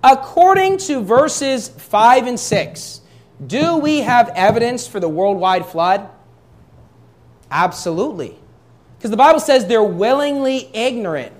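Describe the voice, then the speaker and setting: A man's voice: extremely high pitch, expressive, a little slow. Man preaching with rhetorical questions. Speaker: pastor. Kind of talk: sermon.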